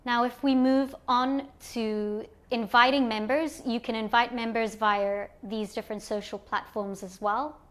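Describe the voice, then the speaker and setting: A woman with a slightly high voice, from Zimbabwe, presenting an online platform. She explains each screen calmly and in order, as a guided walkthrough for new users. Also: unhurried, few pauses. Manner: calm step-by-step explaining.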